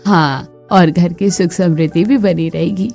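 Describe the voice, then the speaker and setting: A woman's voice: fairly low pitch, a little slow, gravelly, darkish tone, faint music behind. A woman voicing a preachy, disapproving older aunt-in-law visiting the family in a skit. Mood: advising.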